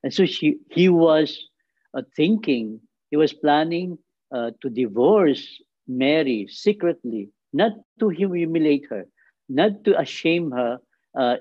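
A middle-aged priest giving a homily into a close webcam in a small chapel, talking slowly and haltingly with many fillers and restarts. His delivery rises to emphatic, stressed peaks. The sound is dull and dry. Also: mid-range voice, animated, no echo.

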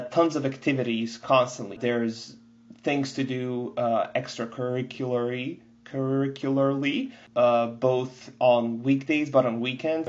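A man's voice: medium pitch, darkish tone. Young man from Bosnia on webcam. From Bosnia and Herzegovina. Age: young adult. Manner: thoughtful, with frequent fillers. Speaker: theater student. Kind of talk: video call interview. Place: bedroom at home. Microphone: laptop webcam. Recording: slightly dull webcam audio.

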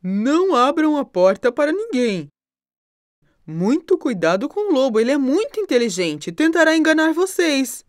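A woman voicing a gentle, protective mother goat with a sweet voice in a cartoon story. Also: high voice, very animated, normal speed, no room sound, clean studio sound, voice pushed up. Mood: caring. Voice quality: sweet soft voice. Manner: warm, warning, motherly.

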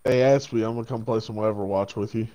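A man's voice: on the low side, steady tone, fast talker, mellow, no echo, dull audio. A man bantering casually with friends in a gaming voice chat. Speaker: gamer in a squad voice chat.

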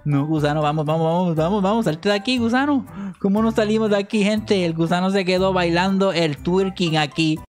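A man commentating his own gameplay, excitable, shouting and laughing as he eggs himself on. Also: high-pitched, fairly quick, faint music behind. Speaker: gaming video host.

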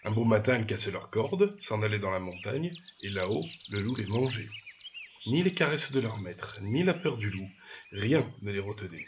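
A man reading a classic tale aloud with lively expression, often speaking to the listener directly. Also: fairly low pitch, normal speed, background noise. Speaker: storyteller. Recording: dull lo-fi with birds chirping.

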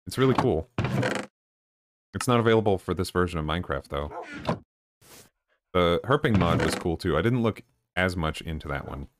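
A man streaming a game live, chatting casually with viewers in a low-key, deadpan way. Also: normal speed, long pauses. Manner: low-key and deadpan, even when excited. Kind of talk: casual live-stream chat while gaming. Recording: noisy with clicking in the background.

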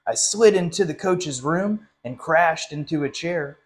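In a small classroom, positioned a little away from the camera, a literacy council director reads a picture book aloud. The young adult man has a fairly high-pitched voice and an unhurried, friendly, animated style suited to children.

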